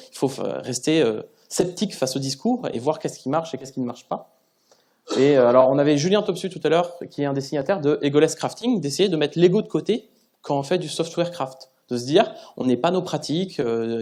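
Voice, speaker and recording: A man's voice: medium pitch, warm tone. Man giving a casual conference talk. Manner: conversational and self-deprecating, with frequent restarts. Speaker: conference speaker. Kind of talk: conference talk to a live audience. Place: conference room.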